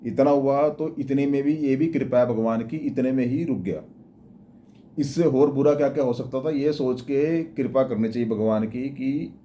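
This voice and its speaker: A man's voice: medium pitch, normal speed, warm tone, a little hiss or hum. A man giving plain, repetitive spiritual and astrology advice in a casual spoken manner, often restarting his words. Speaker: astrology and devotional speaker.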